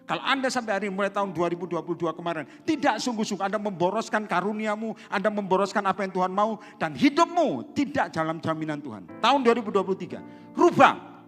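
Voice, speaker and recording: Pastor, male, animated sermon delivery, slightly high voice, long hall reverb, soft music underneath. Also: fast talker. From Indonesia. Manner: lively preaching, calls to the congregation.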